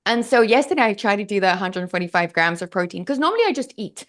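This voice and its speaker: A woman's voice: mid-range voice, lively intonation, fast. A woman guest in an interview, talking in a bubbly, earnest way with lots of fillers. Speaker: guest, health advocate. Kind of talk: casual interview.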